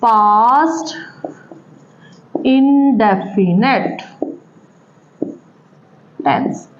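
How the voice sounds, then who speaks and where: A woman teaching English grammar at a blackboard, lively, asking the class questions and answering them herself. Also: high-pitched. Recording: echoey room, dull lo-fi sound.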